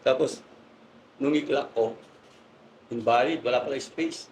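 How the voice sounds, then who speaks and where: A man recounts stories as a guest, animated and laughing as he goes. His speech stays polite, with respectful address to his host. His pitch sits in the middle, with a faint hiss behind him. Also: measured pace, low-quality recording. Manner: animated anecdotes, laughing often; polite, says "po" and "sir". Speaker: guest pigeon racer. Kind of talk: casual storytelling interview.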